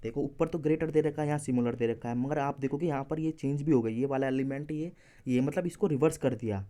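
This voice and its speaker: A man teaches exam reasoning one step at a time and stops to correct himself when he slips. His voice is mellow and warm, at an ordinary middle pitch. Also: fast talker. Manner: explains step by step, corrects himself mid-solution. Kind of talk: exam-prep lesson walking through answers.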